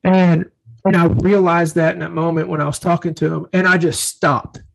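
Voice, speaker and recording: Earnest man with a high, gravelly voice. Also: flat delivery, normal speed, rough recording. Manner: earnest, storytelling, acts out quotes. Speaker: podcast co-host. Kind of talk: casual faith-based parenting talk.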